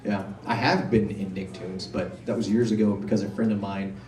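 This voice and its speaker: At a convention panel, a voice actor fields fan questions, telling lively anecdotes and performing the voices of the people in them. His pitch is fairly low and his pace moderate. The recording sounds distant, captured from far away in a roomy hall.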